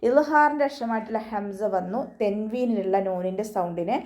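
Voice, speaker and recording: A woman teaching Quran recitation rules in an online class, patiently correcting pronunciation step by step. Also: darkish tone. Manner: chants verses slowly and higher between explanations. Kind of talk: tajweed lesson with slow recited verses.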